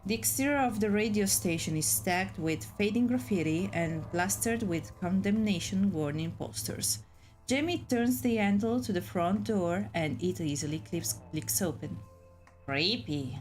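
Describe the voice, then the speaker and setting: A young woman reading a visual novel aloud in an unhurried way, stumbling on words and adding playful asides. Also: mid-range voice, animated, a little mellow, soft background music, poor audio. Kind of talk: casual gameplay narration with character voices.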